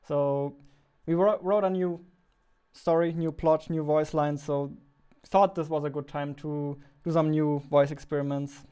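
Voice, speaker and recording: Young german guy vlogging about his game, chatty, clear voice. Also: a little high, steady tone, measured pace, dark tone. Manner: chatty, self-deprecating, laughs often. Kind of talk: casual vlog.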